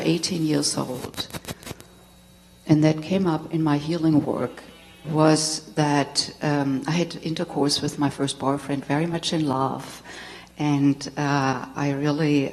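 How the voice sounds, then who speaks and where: A deep, darkish voice belongs to a middle-aged German-accented woman, a tantra teacher candidly recounting her own story to a live audience while laughing often. The talk is recorded in a spiritual center hall with long reverb.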